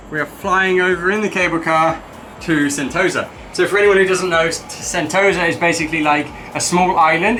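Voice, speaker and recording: A man's voice: high-pitched, bright, forceful tone, a little hiss or hum. A young man vlogging his travels outdoors, chatty and teasing, talking into a handheld camera. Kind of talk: casual vlog narration. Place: outdoors and in a cable car.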